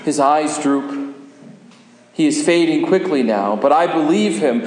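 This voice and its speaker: A man's voice: fairly high pitch, lively intonation, darkish tone. A man playing a humble repentant criminal in an echoing hall. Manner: earnest, slow and deliberate. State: short of breath. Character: repentant crucified male criminal, humble and hopeful. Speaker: dramatic monologue performer. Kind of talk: first-person dramatic monologue. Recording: echoey hall with long reverb.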